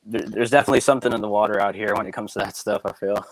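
A man guesting on a podcast from a remote call, talking through earbud headphones with a crackling, distorted mic signal and a halting way of speaking. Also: on the low side, no room sound. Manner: halting, full of fillers like "uh" and "you know". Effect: crackling, distorted mic audio. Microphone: iPhone earbud headset mic over a streaming call.

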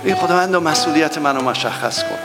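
A man's voice: expressive, creaky. Fervent male pastor praying over guitar. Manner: fervent, rising to emphatic high peaks. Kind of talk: sermon closing in prayer. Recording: church hall reverb with guitar music. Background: soft guitar playing.

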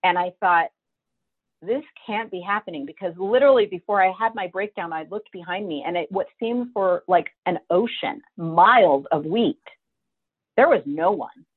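A woman's voice: lowish voice, animated, moderate pace, breathy edge. A middle-aged woman telling her own story as a guest, vivid and emotional, acting out what she thought back then. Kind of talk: personal storytelling. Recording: tinny phone-like line.

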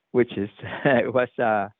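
A middle-aged man from Chile, a native Spanish speaker with a Chilean accent, answering interview questions as an open water swim coach in a halting way, with many fillers and restarts. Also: mid-range voice, no echo. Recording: dry phone-like line.

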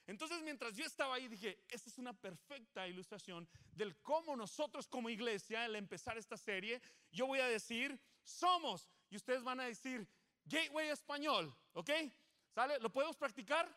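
High, bright-voiced pastor preaching. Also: male voice, fairly quick. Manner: animated, joking, coaxing the crowd. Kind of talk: lively sermon with congregation call-and-response. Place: church service before a congregation.

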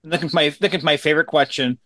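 High-voiced man co-host. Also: fairly even intonation, fast talker, bright, forceful tone. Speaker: podcast co-host. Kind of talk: casual chat.

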